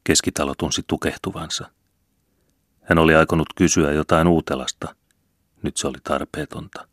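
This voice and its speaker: A man reading a novel aloud as audiobook narrator, measured and steady, on a close mic. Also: a bass voice, no echo. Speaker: audiobook reader. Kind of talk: scripted narration.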